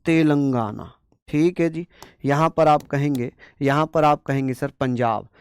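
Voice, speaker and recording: A man's voice: a little high, unhurried, clear, resonant tone, dry recording. A man teaching an exam-prep class, who asks questions and answers them himself in a repetitive call-and-response way, with playful mnemonics and scolding asides. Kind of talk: online coaching class lesson.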